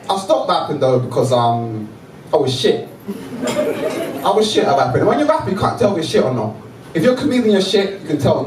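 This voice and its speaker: High-pitched South London man doing stand-up. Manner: conversational, punctuated with slang and questions to the crowd. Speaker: stand-up comedian. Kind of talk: live stand-up comedy routine. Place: live comedy stage before an audience. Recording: echoey live venue, distant mic, audience noise.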